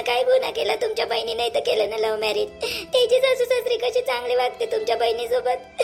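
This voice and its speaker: A woman's voice: very high-pitched, vocal fry. A woman, playing a young wife who sobs and complains that her mother-in-law beat her. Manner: sobbing, tearful complaining. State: crying. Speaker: actor in a family drama. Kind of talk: amateur family drama acting.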